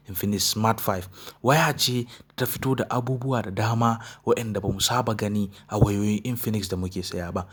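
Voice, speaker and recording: A man with a Nigerian Hausa accent, narrating a phone unboxing and review as the host of a tech channel. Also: fairly low pitch.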